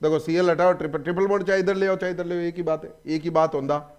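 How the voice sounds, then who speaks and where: A man teaching a chemistry class, firing quick questions at his students and pushing them to answer. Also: on the high side, fairly even intonation, smooth. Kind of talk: classroom lecture.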